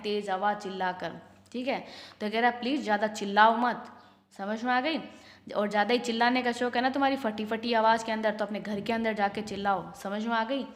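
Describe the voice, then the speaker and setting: A woman teacher explaining a school text, reading English lines slowly and explaining them quickly while mixing in Hindi. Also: fairly high pitch, fairly bright tone, long reverb tail.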